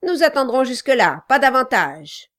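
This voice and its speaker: A woman's voice: sits high, sing-song, normal speed, fairly bright tone, voice pushed up. A woman reading an audiobook, voicing a malicious, cruel dwarf man who barks orders and taunts with mock sweetness. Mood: bullying.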